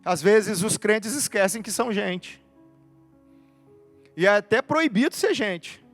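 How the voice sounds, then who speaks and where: A man's voice: high-pitched, animated, slow, soft background music. A man preaching a sermon, impassioned, driving his points home in repeated emphatic lists.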